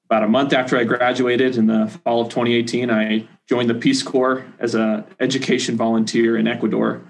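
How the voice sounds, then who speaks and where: A man in his twenties, a volunteer leader, telling his story in an interview with an earnest, even delivery. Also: medium pitch, a little fast, gravelly, rough recording. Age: 20s. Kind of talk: casual interview answers.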